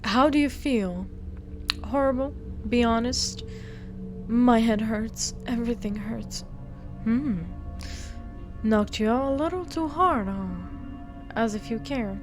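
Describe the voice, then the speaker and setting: Over music, a woman with a slightly high voice reads a visual novel aloud slowly, with long pauses. She's a game streamer doing a walkthrough, tripping over words and stopping for blunt, playful remarks.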